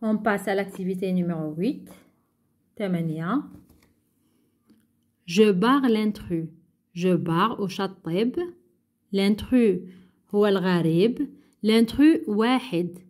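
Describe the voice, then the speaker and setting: A woman, a primary school teacher going through a workbook, who talks slowly and patiently, repeats each word and translates it into Arabic. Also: mid-range voice, a little mellow. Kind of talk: workbook lesson.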